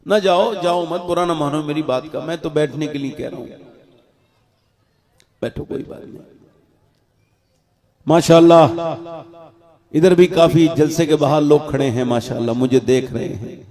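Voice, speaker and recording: A man preaching at a religious gathering, telling a story with rising, shouting intensity and singing verses slowly. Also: fairly high pitch, a crowd in the background. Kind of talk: religious speech with sung verse. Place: outdoor religious gathering with crowd.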